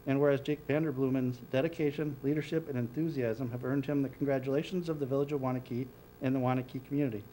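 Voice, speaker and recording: A man's voice: medium pitch, fairly even intonation, fast, dark tone, a little hiss or hum, rough recording. A middle-aged man leading a village board meeting, reading formal proclamations at a podium and correcting small slips as he goes. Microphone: podium microphone.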